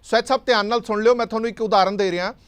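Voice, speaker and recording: A man steers a crowded TV panel debate at speed. His voice sits high for a man and he presses guests for answers, cutting in to keep things moving. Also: steady tone, a bit bright, clean tone. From Punjab. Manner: brisk, presses guests, cuts in to keep time. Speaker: news debate anchor. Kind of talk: moderating a heated TV panel debate.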